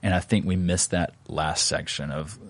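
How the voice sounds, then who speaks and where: A man, a pastor, talking through his sermon in a relaxed, conversational way with plenty of fillers. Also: extremely low pitch, moderate pace. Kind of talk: casual podcast discussion of a sermon.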